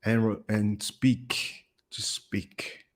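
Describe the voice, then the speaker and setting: Casting: male host, lowish voice, casual reaction commentary, chatty and repetitive. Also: level tone, drawn-out words. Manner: chatty, laughs often, repeats phrases.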